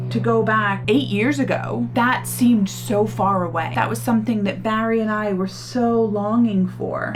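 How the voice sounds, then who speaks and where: Heartfelt chatty woman beauty vlogger. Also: mid-range voice. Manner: heartfelt, chatty, gushing about products. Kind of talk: casual reflective talk while doing makeup. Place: home room, hot.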